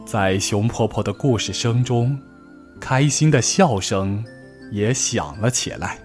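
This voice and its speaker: A man reading a children's picture book aloud, slowly and clearly, as a storyteller for young listeners. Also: on the low side, lively intonation, darkish tone. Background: faint background music.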